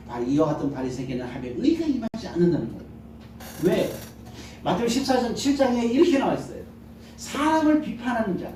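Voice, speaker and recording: A man's voice: sits high, mellow, a little hiss or hum. A male pastor preaching a Sunday sermon, acting out little scenes and asking the congregation questions. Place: large church sanctuary. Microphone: handheld mic. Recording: very echoey church hall, mic heard from a distance.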